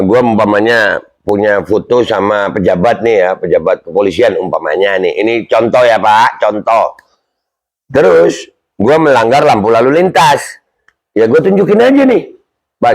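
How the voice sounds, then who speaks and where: Male commentary host, mid-pitched, conversational and self-questioning. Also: darkish tone. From Indonesia. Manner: chatty, rhetorical, asks himself questions, reads news aloud. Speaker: channel host commenting on news. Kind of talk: casual commentary vlog.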